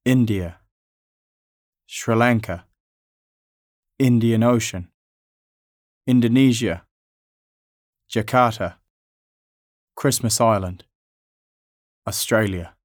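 A man from Afghanistan narrating his family's story in a measured, reflective way. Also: fairly low pitch, dry recording, studio quality.

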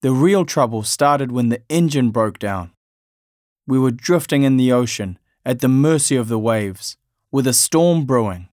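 A man's voice: mid-range voice, animated, measured pace, darkish tone, no room sound. Reflective male storyteller, dry sound. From Afghanistan. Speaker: narrator. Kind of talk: storytelling narration.

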